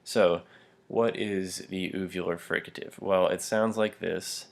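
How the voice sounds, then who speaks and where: A man's voice: low-pitched, steady tone, unhurried, creaky. A young adult man teaching a pronunciation lesson, explaining step by step with frequent fillers and small laughs while demonstrating throat sounds. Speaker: language teacher.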